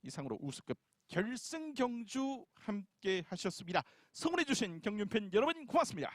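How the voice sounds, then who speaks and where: A man's voice: high-pitched, big pitch swings, fairly quick, no room sound, clean studio sound. A man giving live race commentary like a motorsport commentator, with an urgent delivery that builds toward the finish.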